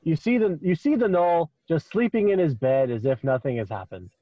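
Halting male game master, slightly muffled. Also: fairly high pitch, lively intonation, no room sound. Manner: halting, repeats phrases. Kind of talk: improvised tabletop game narration.

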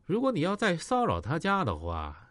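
A man voicing a cold, menacing tough man who speaks low and steady. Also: normal speed, no echo. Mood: calm threat. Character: cold tough middle-aged man, gangster ex-soldier.

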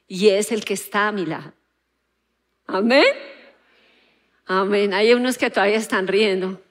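A woman preaches in an auditorium, her voice sitting a little high. She asks the audience questions and acts out the quotes in her story. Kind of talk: sermon.

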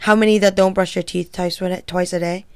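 A young woman co-hosting a podcast in casual chat, laid-back and giggly, swearing often and audibly high. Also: fairly even intonation, fairly quick, dry recording. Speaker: podcast co-host.

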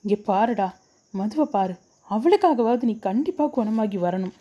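A woman's voice: a little high, animated, unhurried, warm tone, slightly rough, highs cut off. A woman voicing a grieving older mother who pleads through tears in a spoken story. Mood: tearful. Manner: tearful, pleading. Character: grieving older mother at her son's bedside.

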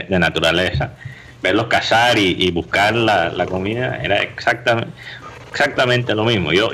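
A man's voice: on the low side, rough recording. A man telling a story in casual podcast chat, acting out the voices of the people in it. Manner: animated storyteller, acts out voices. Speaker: podcast co-host.

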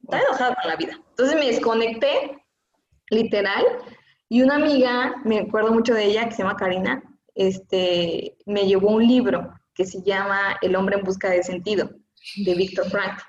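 A woman's voice: mid-range voice, fairly even intonation, normal speed. Earnest Mexican woman in an echoey room. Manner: earnest, emotional, heavy use of fillers. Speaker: interview guest. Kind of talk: personal testimony in a conversation. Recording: echoey, dull lo-fi room sound.

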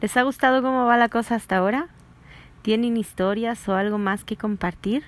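A woman's voice: on the high side, steady tone, fairly quick. Young woman, novice radio host, nervous delivery, drops to whispers between lines. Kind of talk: casual radio hosting.

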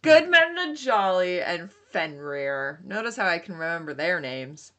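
A woman's voice: fairly low pitch, sing-song, measured pace, pushed and bright. A woman co-hosting a casual book podcast, talking enthusiastically and filling her sentences with "like". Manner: enthusiastic, filler-heavy. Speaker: podcast co-host.

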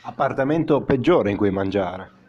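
A dull, lo-fi recording of a young man with a fairly low voice. He acts as co-interviewer, asking questions in a casual conversational style. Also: expressive, moderate pace. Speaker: podcast co-interviewer. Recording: dull lo-fi sound.

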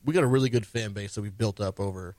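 A man's voice: lowish voice, quick pace, darkish tone, dry recording. A man hosting a radio show in a studio, chatting casually. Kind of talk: casual chat.

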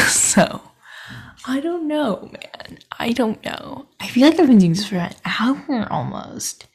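A woman's voice: fairly high pitch, very animated, slow pace, slightly rough. A young woman hosting her own podcast, chatting in a scattered, self-deprecating, giggly way into a microphone. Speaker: podcast host. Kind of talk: rambling solo podcast chat.

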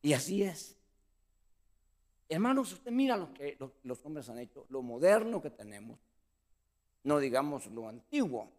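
A man preaching a sermon as pastor, calling listeners brother and acting out the scripture scene. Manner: preaching with lively pitch swings, addressing listeners as brother.

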